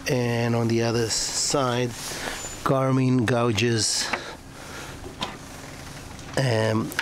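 A yacht broker films a slow, hesitant walkthrough of a sailboat moored in a marina, moving outdoors and below deck, pausing often and restarting sentences amid many fillers. He has a mid-range voice, and the outdoor camera audio is noisy.

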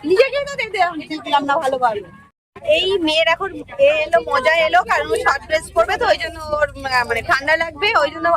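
A middle-aged woman chats her way through a casual vlog, filming on her phone by a bus and then on board. Her voice sits very high. Loud crowd chatter fills the background. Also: animated, fast. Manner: chatty running commentary. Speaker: vlogger.

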